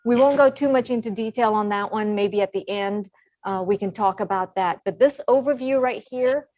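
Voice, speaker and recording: A middle-aged woman from Zambia, an Ayurvedic consultant, giving a relaxed talk full of ums over a video call. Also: mid-range voice, moderate pace, a little hiss or hum. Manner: relaxed, many ums, explanatory. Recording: slightly dull video call audio.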